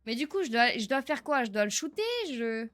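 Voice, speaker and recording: A young woman streaming a horror game live, excitable, swearing and laughing as she chats with her viewers. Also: a little high, brisk, no echo. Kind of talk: live gameplay commentary.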